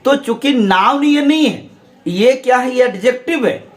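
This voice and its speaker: A man's voice: very high voice, lively intonation, moderate pace. A man teaching English grammar in Hindi, explaining step by step and asking and answering his own questions. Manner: drills learners to repeat aloud.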